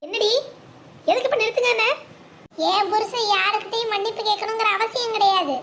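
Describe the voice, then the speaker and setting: A furious young cartoon wife, played in a very high voice, snapping back at her in-laws with sharp, combative scolding. She sounds shrill and piercing, and a faint hiss sits under the voice. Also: fairly even intonation, fairly quick. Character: fiery young wife defending her husband.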